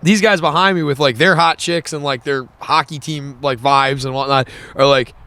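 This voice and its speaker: A man's voice: on the high side, steady tone, moderate pace, sharp tone. Rambling young man telling a story. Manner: rambling, heavy filler words, casual swearing. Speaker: podcast co-host. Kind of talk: casual storytelling chat.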